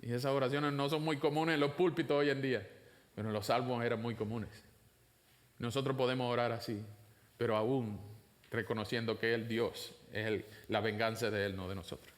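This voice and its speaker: A man preaching a sermon, putting rhetorical questions to the congregation, his voice climbing high for emphasis and then dropping low and slow. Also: fairly even intonation. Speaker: pastor.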